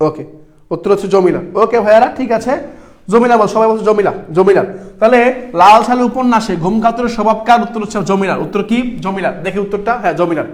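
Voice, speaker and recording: High-voiced young male tutor, drills exam questions by repeating them. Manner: repeats questions and answers, addresses students as brothers. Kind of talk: exam-prep class lecture.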